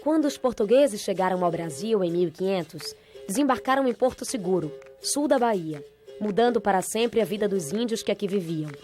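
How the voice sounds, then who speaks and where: A woman reading a scripted documentary narration in a measured, informative voice. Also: medium pitch. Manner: measured, even informative delivery. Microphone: studio voice-over. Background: background music.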